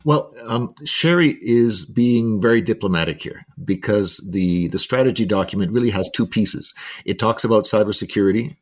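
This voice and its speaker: A man hosts a podcast and explains a point at length in a low voice. His tone is husky, and he often restarts and repeats words as he goes. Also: normal speed. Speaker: podcast host.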